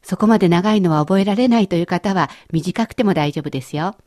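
Clear encouraging woman teaching a lesson. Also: fairly low pitch, mellow, dry recording, clean studio sound. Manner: clear, encouraging, explains slowly. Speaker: Chinese language teacher. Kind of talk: scripted language lesson.

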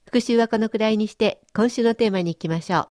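A woman's voice: fairly high pitch, fast talker, darkish tone, dry recording, studio quality. Encouraging woman hosting a language lesson. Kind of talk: friendly scripted language lesson.

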